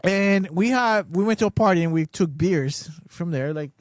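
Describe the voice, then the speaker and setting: A man's voice: sits high, normal speed, no echo, studio quality. A man in his twenties chatting on a podcast, laughing often and chiming in with short remarks. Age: 20s. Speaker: podcast co-host. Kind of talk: casual chat.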